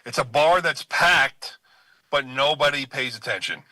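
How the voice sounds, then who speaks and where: A laid-back man with a very bright, sharp voice, talking bluntly in a casual chat. The sound is dry and close, with no room in it. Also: medium pitch, unhurried, no room sound, rough recording.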